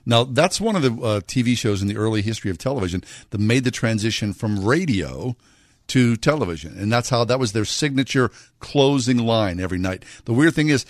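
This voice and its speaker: A man's voice: medium pitch, expressive, fairly quick, dry recording. A man chatting casually as a radio show host in a studio.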